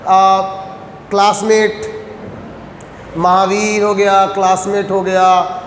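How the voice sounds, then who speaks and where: Male teacher, high voice, slow repetitive delivery, reverberant classroom, faint background hum. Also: little pitch movement. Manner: mixes Hindi and English, repeats phrases and keeps asking if students follow. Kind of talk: classroom lecture.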